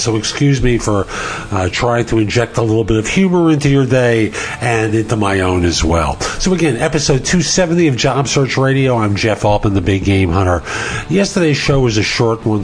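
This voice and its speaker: A man hosting his own career podcast, speaking in a relaxed monologue full of advice and uneven pacing. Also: on the low side, low-quality recording. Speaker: podcast host and career advisor.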